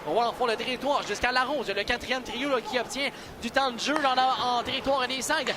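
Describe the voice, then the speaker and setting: A man with a Quebec French accent giving excited play-by-play hockey commentary over a loud arena crowd and music. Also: extremely high pitch, background noise. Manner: rapid play calls rising to shouted goal calls.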